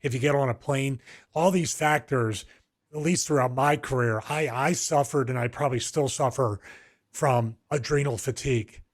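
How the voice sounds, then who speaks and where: A man's voice: medium pitch, normal speed. Middle-aged Philly man, rambling chat. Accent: Philadelphia. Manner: rambling, storytelling with frequent restarts and fillers. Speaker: podcast co-host. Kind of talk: casual chat.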